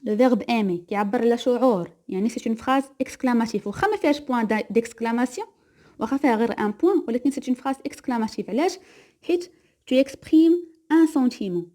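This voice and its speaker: A woman from Morocco with a Moroccan accent, teaching a grammar lesson. She reads each example slowly and twice, then explains it quickly. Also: a little high, darkish tone. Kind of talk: grammar lesson mixing Moroccan Arabic and French.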